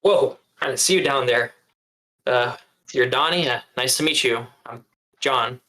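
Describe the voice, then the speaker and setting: A man's voice: medium pitch, a little slow, pushed and bright. A man playing a tabletop game, improvising dialogue and actions in casual chat.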